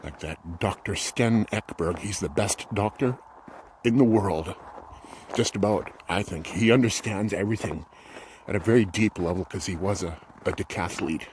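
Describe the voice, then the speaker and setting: Middle-aged male vlogger, low voice, meandering walk-and-talk outdoors, faint background noise. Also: normal speed, a little mellow. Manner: rambling, thinking aloud with many restarts. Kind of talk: casual walk-and-talk vlog.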